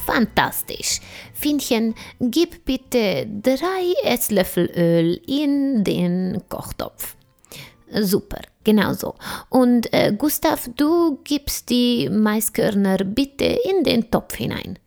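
Cheerful bear chef guy, a woman doing him, slow and encouraging, soft music under. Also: fairly high pitch, big pitch swings, vocal fry, pitched above the performer's own voice, heavily acted. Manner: warm, encouraging teacher tone. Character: five-star bear chef, cheerful and proud.

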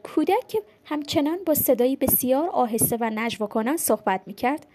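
A woman's voice: sits high, lively intonation, noisy background. Woman reading a short story aloud. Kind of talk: scripted story narration.

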